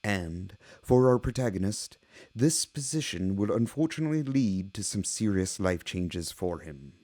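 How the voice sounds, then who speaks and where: A man playing a genteel horror anthology host, narrating scripted tales in a measured, theatrical, vintage style. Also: fairly low pitch, expressive, a little mellow, dry recording. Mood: storytelling.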